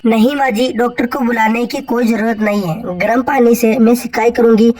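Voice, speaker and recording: A woman voicing a gentle, humble young daughter-in-law in a cartoon story, speaking softly. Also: a little high, steady tone, moderate pace, crowd noise, lightly acted. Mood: pleading. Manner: soft, pleading.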